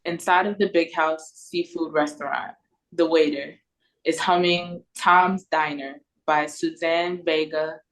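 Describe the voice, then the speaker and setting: A woman with an American accent and a low voice reads stage directions as the narrator during an audio play read-through. She's recorded over a video call, and the sound is rough.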